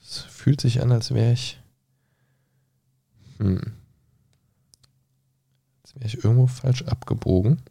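A man reading a solo gamebook aloud on his podcast, pausing to mutter hesitant asides while leafing through pages. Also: mid-range voice, creaky, dark tone, slightly rough, no room sound, studio quality. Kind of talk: reading aloud and thinking out loud.

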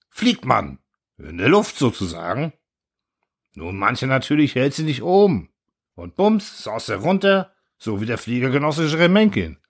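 A man voicing a bumbling male airfield guard who fumbles through a speech with halting fillers, in a storybook reading. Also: mid-range voice, a bit bright, heavily acted. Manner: halting, rambling, full of fillers.

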